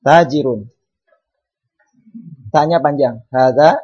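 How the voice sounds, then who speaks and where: A man's voice: medium pitch, slow, husky, highs cut off. A man teaching an Arabic class, calling on students to read and patiently repeating words and their meanings.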